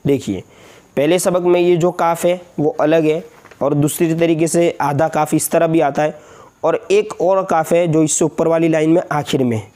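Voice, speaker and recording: A man with an Indian Hindustani accent teaches Quran reading step by step. He has a dark, mellow voice with a flat, level pitch. He drills the letters slowly and patiently, syllable by syllable. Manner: frequent checking asides. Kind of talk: step-by-step recorded lesson.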